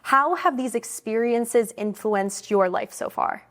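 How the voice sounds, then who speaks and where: A woman's voice: a little high, a little slow, fairly bright tone. A woman hosting an interview series, asking friendly questions in an enthusiastic, complimentary way.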